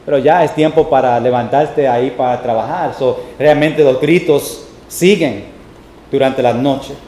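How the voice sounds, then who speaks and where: A man preaching a Sunday sermon as pastor, slow and deliberate, with homely family examples and a few English words mixed in. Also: medium pitch, dark tone, slight background noise. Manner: mixes English words into Spanish. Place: church sanctuary. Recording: echoey church room.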